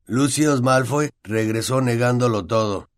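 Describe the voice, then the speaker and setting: A man with a Latin American Spanish accent voicing a scheming teenage wizard who explains things in a measured way. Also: mid-range voice, no echo, clean studio sound, pitched above the performer's own voice, natural voice. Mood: knowing.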